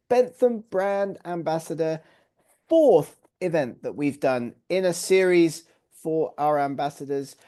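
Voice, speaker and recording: A man's voice: a little high, mellow. An English man hosting a live online webinar over a video call, upbeat and welcoming, piling on praise words. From England. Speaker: webinar host.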